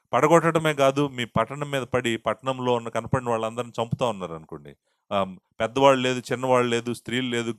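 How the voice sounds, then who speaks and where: A male pastor teaches an expository sermon in Telugu, posing rhetorical questions and mixing in English words. His voice is medium-pitched and fairly bright, with no room sound.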